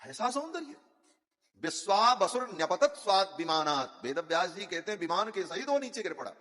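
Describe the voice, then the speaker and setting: A man's voice: on the high side, a bit bright. A man telling a devotional story as a sermon, chanting Sanskrit verses and calling his listeners Maharaj. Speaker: katha preacher. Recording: long hall reverb.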